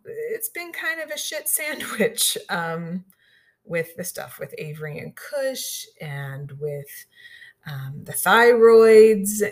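A middle-aged woman from Southeast Missouri telling personal stories casually on the radio, with lots of ums and you-knows and the odd laugh. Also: lowish voice. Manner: chatty, frequent ums and you-knows, laughs through lines. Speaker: radio show regular sharing stories.

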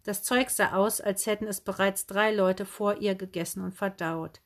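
A woman narrating a children's book in a lively, expressive way. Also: medium pitch, normal speed. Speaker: audiobook narrator.

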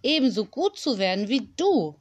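A playful, kind storybook teacher, as a woman reader puts her on, with a high, sing-song voice full of cheer. She talks with gentle enthusiasm, as if everything at school is a small wonder. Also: big pitch swings, normal speed. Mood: gentle, persuasive.

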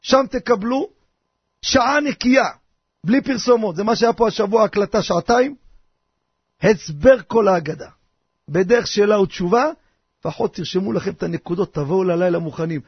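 An older man, a rabbi, giving a lively radio sermon full of rhetorical questions in a husky voice. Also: high voice, no echo. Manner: animated, theatrical, rhetorical questions. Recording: dry, dull lo-fi radio recording.

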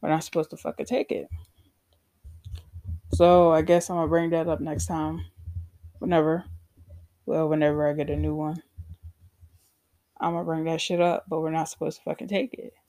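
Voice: medium pitch, little pitch movement, moderate pace, pauses often, dark tone, dry recording, clean studio sound. A podcast host telling a personal story as a profane rant, sarcastic and blunt, acting out past conversations and speaking straight to listeners. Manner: sarcastic, addresses listeners directly.

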